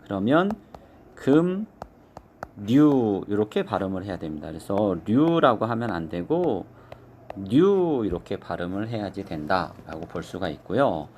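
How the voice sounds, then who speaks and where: A man teaching an exam review lesson, explaining step by step and slowly modeling each pronunciation. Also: deep voice, big pitch swings, slight background noise.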